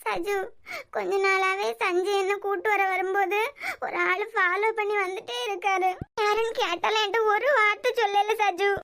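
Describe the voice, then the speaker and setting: A woman voicing a tearful, worried young woman in a cartoon, speaking softly with a Kanyakumari Tamil accent. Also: extremely high pitch, steady tone, moderate pace. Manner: soft, tearful. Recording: loud background noise.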